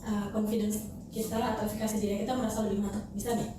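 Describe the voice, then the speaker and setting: A woman with a mid-range, fairly flat voice talks very fast as a guest on a casual podcast. A talent management manager, she explains things hesitantly and mixes in English terms. The recording is noisy, with a distant mic in a very echoey room.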